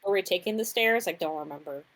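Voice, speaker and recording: A woman's voice: on the low side, fast, a bit bright. A woman chatting casually as a player in a tabletop game, playful and giggly.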